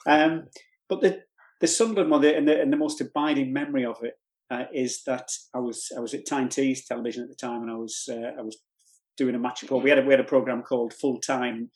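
Older man from North East England, regional TV presenter, casual rambling storyteller, mid-pitched. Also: steady tone, fast, a little mellow. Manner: rambling storyteller with many restarts. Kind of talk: casual podcast chat.

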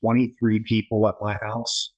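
A man's voice: fairly low pitch, completely flat delivery, moderate pace, no echo. A man chatting casually as a guest on a podcast, on slightly muffled audio. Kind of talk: casual chat.

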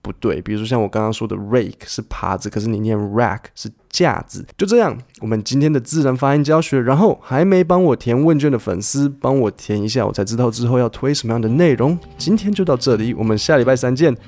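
A man with a Taiwanese Mandarin accent hosting a podcast pronunciation lesson, casually explaining and demonstrating sounds with slow, stretched repetitions. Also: mid-range voice, lively intonation, a little mellow, faint music behind. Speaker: podcast host teaching English pronunciation.

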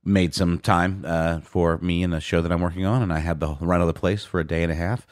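A man co-hosts a podcast in relaxed conversation, his low voice sounding sleepy as he rambles with fillers and restarts. He speaks fairly quickly with fairly even intonation. The recording is studio quality with no room sound.

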